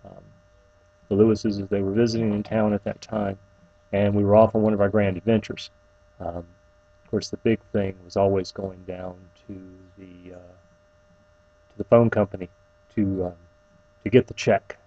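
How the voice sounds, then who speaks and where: Tender and faltering, with long pauses, a middle-aged man offers a personal, informal eulogy full of reminiscence. His lowish voice is warm in tone though flat in delivery, and the sound is lo-fi.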